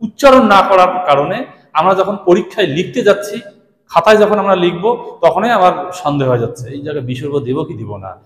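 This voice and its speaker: A man's voice: sits high, lively intonation, fast talker, fairly bright tone. A man teaching Sanskrit grammar in speech, patiently repeating examples and speaking directly to his students. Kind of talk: classroom grammar lesson. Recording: echoey room with long reverb.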